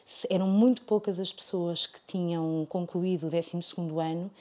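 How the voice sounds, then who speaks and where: A woman's voice: on the low side, fairly even intonation, fairly quick, mellow. A woman researcher with a European Portuguese accent, speaking carefully with some hesitations. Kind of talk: explanatory interview.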